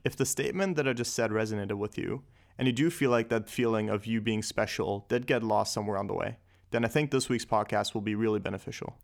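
Low-ish and fast, this man's voice has some vocal fry. Hosting a casual podcast from an echoey room, the Austrian twenty-something speaks loosely and honestly, with lots of "like" and swearing.

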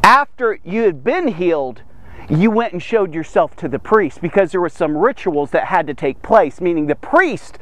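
A man hosting a Bible devotional podcast, teaching in a casual, jokey and energetic way and repeating words for emphasis. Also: sits high, moderate pace. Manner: energetic, jokey and conversational, with many asides to listeners.

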